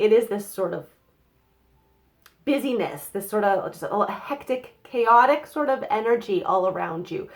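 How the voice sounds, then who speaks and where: Speaking in a mid-range, slightly nasal voice, this psychic card reader is a young woman nursing a cold. She chats her way through a relaxed tarot-style reading for the camera, sprinkling in fillers and tag questions like "okay?"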